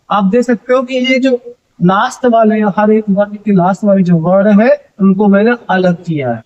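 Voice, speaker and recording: A man's voice: high-pitched, a little mellow. A male teacher giving an exam-prep grammar lesson, who keeps asking his students questions and then answers them himself. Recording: dull lo-fi audio.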